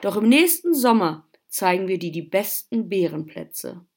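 A woman voicing a small, grateful songbird in a children's Christmas storybook, with a gentle, thankful manner. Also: medium pitch, sing-song, a little slow.

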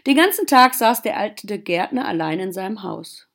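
A woman teacher reading a story aloud to her class in a gentle storytelling manner. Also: mid-range voice, lively intonation, normal speed, creaky. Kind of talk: storybook narration.

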